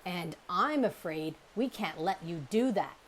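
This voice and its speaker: A woman voicing a bossy young female bear in a storybook reading, with a sarcastic, loud delivery. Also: fairly low pitch, lively intonation, a little slow, slight background noise. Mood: menacing.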